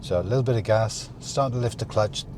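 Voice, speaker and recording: A man with a fairly low voice speaks as a driving instructor. He explains things calmly, step by step, while demonstrating at the wheel. The recording is made inside a car, with faint vehicle noise behind him. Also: fast.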